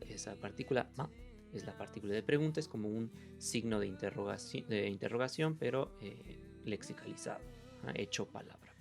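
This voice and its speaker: A man hosting a video language lesson, his voice carrying a gravelly edge at a middle pitch. He builds each point slowly, says example sounds aloud and fills the gaps with hesitant "eh"s. Soft music plays quietly behind him. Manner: explains step by step, models sounds aloud, many "eh" fillers. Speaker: language teacher and video host.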